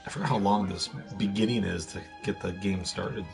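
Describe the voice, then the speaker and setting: Deep, gravelly streamer losing his voice. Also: fairly quick, faint music behind. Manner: throat-clearing, laid-back. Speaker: game streamer. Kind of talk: casual live-stream chat.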